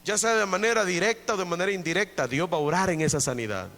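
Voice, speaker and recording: A man preaching an evening church sermon in a high, bright, ringing voice. He drives his points home through emphatic repetition and keeps calling out to his brothers in the pews. The sound carries the long echo of a church hall. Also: fast talker. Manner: emphatic preaching with many repetitions, often addressing listeners as brother. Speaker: pastor. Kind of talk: evangelical sermon. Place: church during an evening service.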